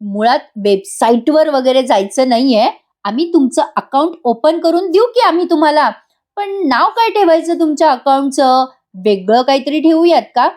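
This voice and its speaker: A woman's voice: high voice, lively intonation, normal speed, a little mellow, voice pushed up. A woman voicing a cheerful, affectionate young daughter-in-law who coaxes and teases.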